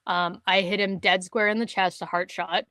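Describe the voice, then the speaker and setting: A woman's voice: medium pitch, moderate pace, no room sound. A woman from Canada, co-hosting a casual podcast, tells a story with lots of energy, swears freely and acts out what others said. Her voice sits in a middle range. The sound is dry and close, with almost no room around it. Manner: animated, swearing, acting out quotes. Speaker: podcast co-host.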